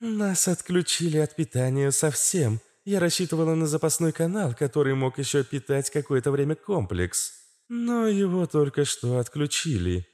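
A man voicing a calm, politely chirpy female computer system in an audiobook. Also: on the high side, normal speed, pitched above the performer's own voice, close to an everyday voice. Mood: even. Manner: level, chirpy machine politeness.

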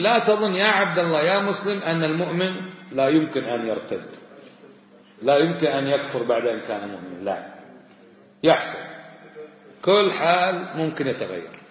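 Middle-aged preacher, brisk and scolding, recorded in a roomy hall. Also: male voice, a little high, animated, a bit bright. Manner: admonishing, questions the listener directly; recites verses in a raised chanting voice. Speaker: sheikh teaching a creed text. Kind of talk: sermon-style lesson. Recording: echoey hall.

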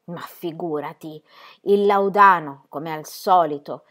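A woman doing a sharp-tongued old grandma. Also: sits low, slow pace. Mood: scolding. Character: older grandmother, proud, sharp-tongued, worldly.

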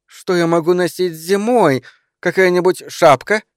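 A shrill, anxious middle-aged wife, as a male reader puts her on, her voice climbing high and tight as she strains to stay polite. The recording is close and dry. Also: unhurried, no room sound. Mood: curious.

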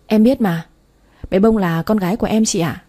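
A woman's voice: mid-range voice, normal speed, mellow, natural voice. A woman reading the part of a devoted young man in a storybook, speaking firmly and defensively. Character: devoted young man, firm with his family.

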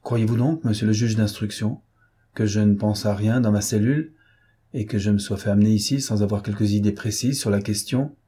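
A man voicing a cool, ironic gentleman thief who gives imperious orders in an audiobook. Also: on the low side, fairly quick, slightly rough. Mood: commanding. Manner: imperious, calmly mocking orders. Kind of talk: audiobook character reading.

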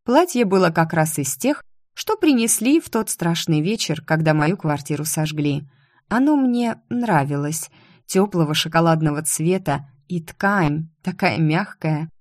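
A woman narrating a first-person audiobook in a steady, expressive reading. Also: low voice, measured pace, no echo, studio quality.

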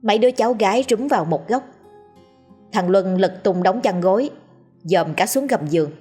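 A woman narrating a story in a measured, expressive reading. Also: medium pitch, breathy edge, faint music behind. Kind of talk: scripted narration of a ghost story.

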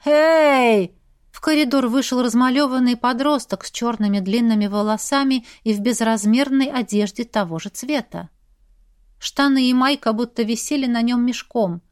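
A woman reading a novel aloud as an audiobook, with steady expressive narration. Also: a little high, normal speed, no room sound, studio quality. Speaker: audiobook reader. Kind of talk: scripted narration.

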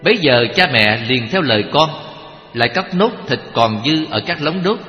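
A man's voice: on the high side, expressive, normal speed, highs cut off. Solemn man reading a Buddhist story. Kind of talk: recited scripture story. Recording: echoey hall with faint music.

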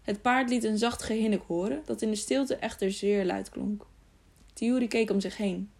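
A woman narrating an audiobook in a calm, measured storybook reading. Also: medium pitch, vocal fry, slight background noise.

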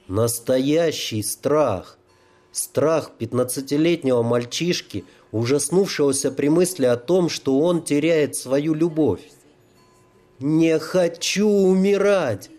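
A man reading an audiobook in a slow, measured narration. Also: mid-range voice, dark tone, faint music behind.

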